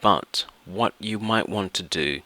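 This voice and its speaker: This step-by-step software tutorial comes from a man with a lowish voice who talks slowly. He explains each point and keeps repeating and rephrasing his wording.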